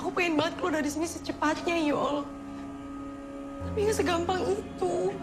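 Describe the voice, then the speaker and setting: An actress playing a dutiful young female student, soft-spoken, apologetic and hesitant. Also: very high-pitched, moderate pace, over music. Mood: anxious. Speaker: model boarding school student. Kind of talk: film drama.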